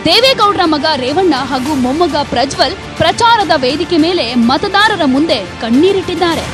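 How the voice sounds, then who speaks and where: A woman's voice: very high voice, animated, moderate pace, music in the background. A woman reporter with a Kannada accent reading a scripted news voice-over with dramatic, punchy delivery.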